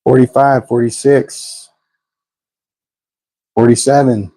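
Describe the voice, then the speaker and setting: A man who hosts a pulse motor channel live-streams by phone from his home workshop, calling out meter readings alongside chatty asides. His mid-range, dark-toned voice is slow and fairly even, with no echo but a rough recording.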